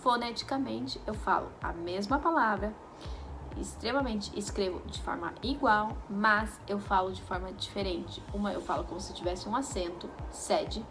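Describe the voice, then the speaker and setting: A woman's voice: medium pitch, normal speed, noisy background. A woman teaching a lesson, explaining step by step and checking in with the viewers as she goes. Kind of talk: video lesson. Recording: music bed under the voice.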